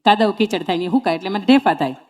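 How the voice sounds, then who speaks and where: A woman's voice: medium pitch, lively intonation, racing. A woman giving a motivational speech, telling homely stories and quizzing her audience with questions. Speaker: motivational speaker.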